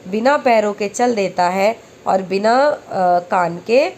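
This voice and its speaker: A woman teaching exam-prep lessons who recites verse slowly and then explains each question step by step. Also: medium pitch, animated, a little mellow, slight background noise.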